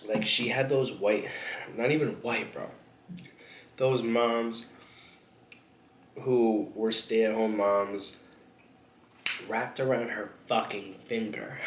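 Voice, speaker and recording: A man's voice: mid-range voice, takes it slowly, pauses often. A young man chatting casually while eating on camera, rambling and crude with lots of jokes. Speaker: mukbang vlogger. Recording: echoey room with faint background noise.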